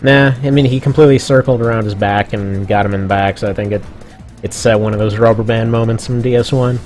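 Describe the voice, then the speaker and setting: A man's voice: fairly low pitch, fairly even intonation, fast talker, a little mellow, soft background music. A man giving chatty, casual commentary on a game stream, laughing often.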